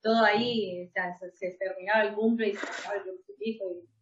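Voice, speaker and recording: A woman's voice: medium pitch, steady tone, background noise. A woman podcast host with an Argentine accent, chatting casually and throwing in teasing wisecracks. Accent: Argentine Spanish. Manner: joking, quick wisecracks and teasing asides. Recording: dull, roomy audio.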